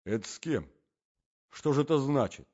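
Brief: male reader doing a confused, fussing middle-aged husband, lively pitch, muffled audiobook. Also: normal speed, close to an everyday voice. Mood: flustered. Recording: dull lo-fi audiobook recording.

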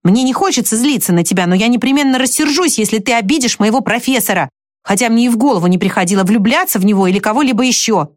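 A woman reading aloud voices a frank, impulsive young woman who pleads in a high, emotional voice. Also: quick pace, no echo, studio quality, lightly acted. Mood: pleading.

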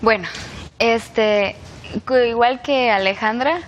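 Soft-spoken young woman. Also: fairly high pitch, slow, lo-fi sound, a little hiss or hum. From Chiapas, Mexico. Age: young adult. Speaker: university student guest.

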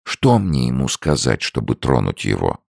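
A man's voice: extremely low pitch, big pitch swings, moderate pace, gravelly, darkish tone, slightly rough, dry recording, clean studio sound, exaggerated voice. A man playing a weary old father. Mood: tender. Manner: tired, solemn.

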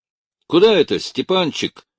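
A man's voice: on the high side, big pitch swings, unhurried, breathy edge, no room sound, pitched above the performer's own voice, heavily acted. A man voicing a talkative, jovial lieutenant colonel. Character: chatty male lieutenant colonel.

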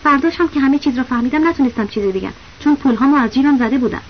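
A flustered young man caught posing as a village teacher, pleading and denying over and over, as a woman reads him in a high voice. The recording is lo-fi and dull, with a faint hiss beneath it. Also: lightly acted. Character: flustered young male impostor teacher, desperate.

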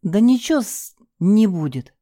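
Brief: indifferent brute, drawling and dismissive, put on by a woman narrator, dark tone. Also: medium pitch, measured pace, dry recording, clean studio sound, voice pushed up. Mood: callous. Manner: lazy, flat, dismissive. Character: callous lazy thug, coldly indifferent man.

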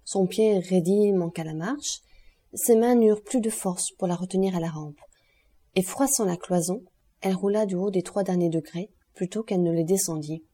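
Husky dark-toned woman reading aloud. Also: on the low side. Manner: measured, steady reading. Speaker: audiobook narrator. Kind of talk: audiobook narration.

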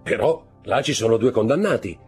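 A man's voice: mid-range voice, lively intonation, brisk, a little mellow, breathy edge, faint music behind, voice pushed up. Audiobook figure: young nobleman, questioning and polite, slightly raised voice; male narrator. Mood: uneasy. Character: young male gentleman, puzzled and uneasy.

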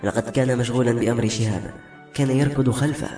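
A tender old woman of the woods, as a male storyteller puts her on, speaking low and calm with a motherly warmth. Her lines come quickly, with a slightly raised pitch. The audiobook-style recording has a roomy echo and faint music underneath. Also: natural voice. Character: old kindly woman living in a forest hut.

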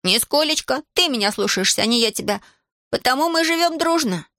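Woman reading as a cheeky stubborn boy, raised boyish pitch, dry close sound, storybook. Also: lively intonation, a little fast, no room sound, exaggerated voice. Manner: high bright boyish pitch.

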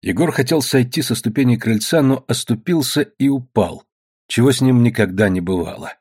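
Man narrator, husky voice, lively pitch, audiobook reading. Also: moderate pace.

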